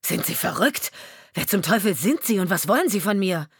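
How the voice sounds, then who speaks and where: Woman putting on a suspicious, bewildered husband, lower voice, cold questioning, audiobook role. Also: slow pace, slightly rough, no room sound, studio quality. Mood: angry. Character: bewildered, hostile husband in middle age. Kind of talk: audiobook reading.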